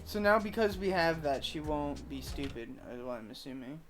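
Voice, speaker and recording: A woman's voice: low-pitched, expressive, normal speed, crowd noise. A woman giving casual, candid, offhand commentary as she plays a game. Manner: candid, offhand, mild swearing. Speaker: gamer commenting on a playthrough. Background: game music.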